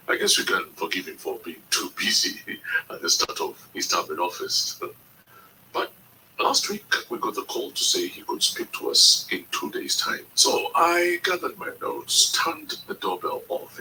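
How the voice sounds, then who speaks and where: A male podcast host with a very bright, ringing tone and lively intonation asks measured, probing questions. He sits slightly back from the mic over a faint hiss. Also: low voice, distant mic, low-quality recording. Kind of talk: scripted narration and interview.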